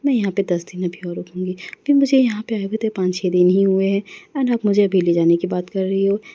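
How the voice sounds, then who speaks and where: A woman's voice: mid-range voice, fairly quick, dark tone, lo-fi sound, lightly acted. A woman voicing a proud, stubborn young working woman who defends herself.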